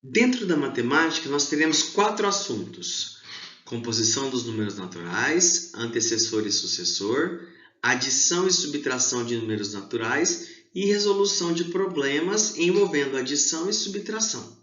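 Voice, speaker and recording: A male teacher giving an exam review lesson to schoolchildren, explaining slowly and stressing key syllables. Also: mid-range voice, animated, a bit bright. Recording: echoey room, dull lo-fi sound.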